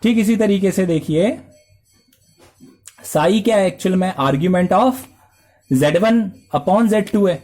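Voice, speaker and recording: A man's voice: high voice, slow pace, pauses often, a little mellow, soft background music. A male math teacher lecturing a class, explaining step by step and asking and answering his own questions.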